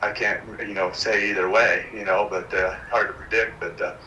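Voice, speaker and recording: Man on a speakerphone, halting. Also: fairly low pitch, level tone, pushed and bright, highs cut off, a little hiss or hum. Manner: hesitant, halting, many fillers and restarts. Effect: heard over a speakerphone call. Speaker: project engineer consulted by phone. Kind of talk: answering questions at a county meeting. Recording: distant echoey speakerphone in meeting room.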